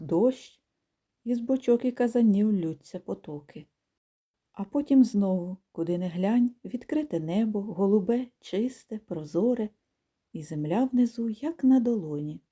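Very mellow woman reading a storybook. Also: on the low side, lively intonation, moderate pace, slightly rough. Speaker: audiobook reader. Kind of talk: storybook narration.

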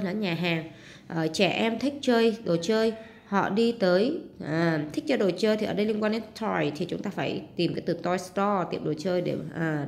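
A woman's voice: medium pitch, gravelly, slight background noise. A woman with a Southern Vietnamese accent, walking through homework as a teacher and translating English words step by step. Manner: explains step by step, translating English words and adding sentence-end particles. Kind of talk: homework walkthrough lesson.

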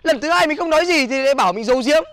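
A man's voice: very high voice, animated, rapid-fire, a bit bright, no room sound, heavily acted. An actor playing a frustrated young male student who complains in an exasperated, whiny way.

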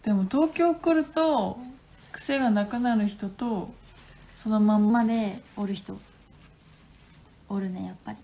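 Mellow young woman with a Hakata accent. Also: medium pitch, unhurried, creaky, long pauses. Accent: Hakata dialect. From Fukuoka, Japan. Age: 20s. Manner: chatty and playful, laughs often. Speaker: livestream host. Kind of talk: casual livestream chat reading viewer comments. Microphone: phone.

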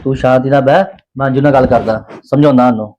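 A man, playing a soft-hearted husband and brother who keeps soothing both women. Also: mid-range voice, fairly even intonation, racing, dull audio, lightly acted. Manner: soothing, placating.

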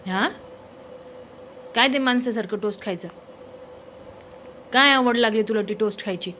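A woman's voice: on the high side, moderate pace, pushed and bright, a little hiss or hum. A woman chatting casually to her pet dog, coaxing and teasing it with repeated questions. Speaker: pet owner vlogger.

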